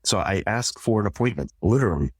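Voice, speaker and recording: A man's voice: on the low side, animated, quick pace, slightly rough, no echo, clean studio sound. A middle-aged man, a couples therapist, explains communication steps one by one in a podcast conversation and acts out short example dialogues.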